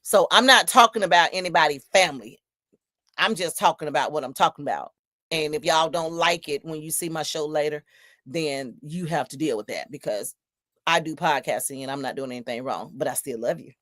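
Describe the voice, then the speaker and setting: Low-voiced woman in her fifties. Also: a little fast, a bit bright, no echo, clean studio sound. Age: 50s. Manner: emphatic, preachy storytelling with repetitions. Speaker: podcast host. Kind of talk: solo podcast talk reading viewer comments.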